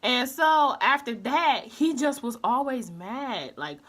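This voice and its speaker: Young woman vlogging a storytime, super animated, bright voice. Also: a little high, slow. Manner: animated, slangy storytelling with acted quotes. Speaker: beauty vlogger. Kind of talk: storytime while doing makeup.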